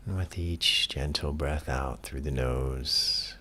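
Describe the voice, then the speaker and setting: Guiding a relaxation session as a yoga teacher, a bass-voiced man speaks in a calm, soothing, measured way. Long pauses separate his phrases, and there's slight background noise.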